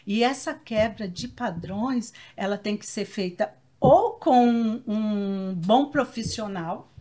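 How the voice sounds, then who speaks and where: Woman guest, calm storytelling voice, reflective faith talk. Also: medium pitch, slow pace. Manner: reflective, explains with stories and examples. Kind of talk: casual faith chat.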